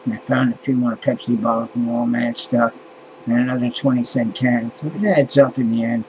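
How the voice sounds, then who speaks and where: A Canadian man in his fifties rambles and sighs into a webcam held close to his face, alone in a small room at night. His medium-pitched voice keeps a fairly even intonation at a moderate pace, and he swears often and trails off in this casual vlog, with noise in the background.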